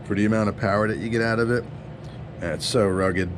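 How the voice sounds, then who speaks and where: A man's voice: on the low side, steady tone, fast talker, background noise. A man casually narrating a demo of a CB radio he built, slangy and upbeat. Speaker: CB radio builder.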